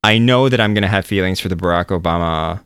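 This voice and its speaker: A man chatting casually on a podcast, relaxed and rambling, with a self-deprecating manner. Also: deep voice, quick pace, smooth, no echo, clean studio sound. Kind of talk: casual chat.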